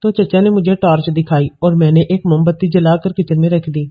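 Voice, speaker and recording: Guy narrating a story, steady even read, kinda high voice, phone-like tinny audio.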